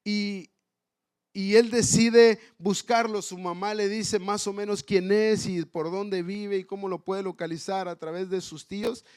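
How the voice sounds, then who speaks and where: A middle-aged man preaching a sermon, swinging from loud, impassioned passages to quiet, tender ones. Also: high-pitched, steady tone, measured pace, clean tone. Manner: addresses the congregation as family. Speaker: pastor.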